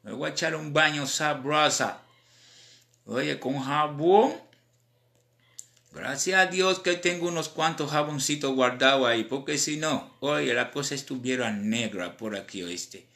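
A man with a Cuban accent, a rapper chatting casually on a live stream in animated, slang-filled talk. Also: medium pitch, normal speed, gravelly, hardly any pauses. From Cuba.

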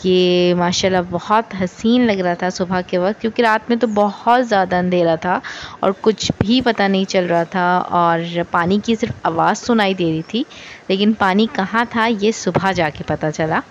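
A woman from Pakistan, narrating her travel vlog in a relaxed, chatty way with frequent hesitation fillers. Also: mid-range voice, moderate pace, highs cut off, slight background noise. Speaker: travel vlogger. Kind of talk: casual travel vlog voice-over.

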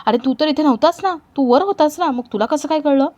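A mocking young villain who gloats even when his plan is foiled, told by a woman in her own fairly high voice. His lines carry a teasing, taunting edge. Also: brisk, lo-fi sound, natural voice.

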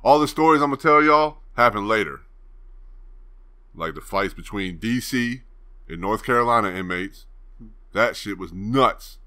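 Young host with a low, bright voice; easygoing, rambling anecdote style. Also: male voice, animated, a little slow. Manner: laid-back, rambling, swears freely. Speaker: channel host. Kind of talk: casual storytelling to camera.

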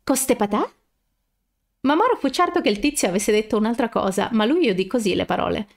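Woman narrating an audiobook, fairly high voice. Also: quick pace, creaky. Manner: steady storytelling reading, occasional self-corrections. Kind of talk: reading fan fiction aloud.

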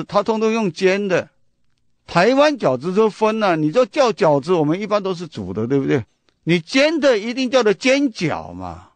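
A man's voice: high-pitched, no room sound. A man with a Taiwanese Mandarin accent, hosting a radio book talk, chatty and full of rhetorical questions and storytelling. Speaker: radio host.

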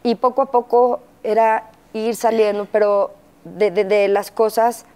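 A middle-aged woman with a Mexican accent telling her story as an interview guest, pausing often with fillers and acting out quotes. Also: fairly high pitch, fairly even intonation, a little mellow, clear, resonant tone. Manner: halting, frequent fillers, acts out quotes. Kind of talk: candid interview testimony.

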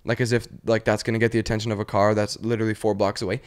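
Animated man telling a comic story. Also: lowish voice, rapid-fire, clear, resonant tone. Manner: animated storytelling, heavy use of "like" and "literally", laughing often. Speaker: podcast host. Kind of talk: casual comedy podcast chat.

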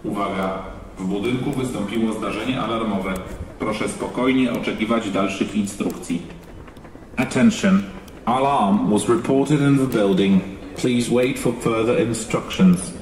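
A man giving a calm, measured, formal recorded evacuation announcement over loudspeakers, heard through a public address system in an indoor shopping mall. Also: fairly low pitch, noisy background. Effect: over loudspeakers, like a megaphone. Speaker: emergency announcer. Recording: echoey loudspeaker from far off in a hall.

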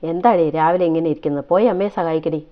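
A woman voicing a young man, a gruff, offhand elder brother. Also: low voice, animated, fast talker, dull audio. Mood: teasing.

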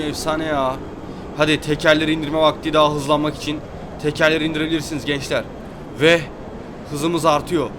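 A man's voice: on the high side, noisy background. A young man giving hyped, exclamatory commentary over gameplay, talking straight to his viewers. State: fasting. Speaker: gaming YouTuber.

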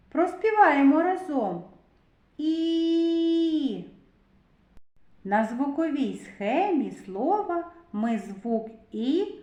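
A woman teaching a literacy lesson to young children, speaking slowly and clearly, drawing out sounds and praising them. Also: fairly high pitch, echoey room. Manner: warm, encouraging, drawn-out sounds and praise. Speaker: kindergarten teacher.

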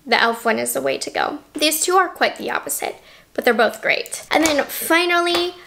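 A woman beauty vlogger chatting casually and upbeat through a quick product review, a little out of breath. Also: high voice, expressive, vocal fry, pushed and bright.

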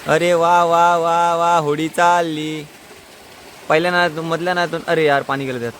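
A man's voice: on the high side, level tone, normal speed, fairly bright tone, a little hiss or hum. A young man from Konkan, coaxing a child through short, repeated instructions outdoors by a stream. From Konkan, India. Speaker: vlogger teaching a child. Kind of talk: casual outdoor vlog.

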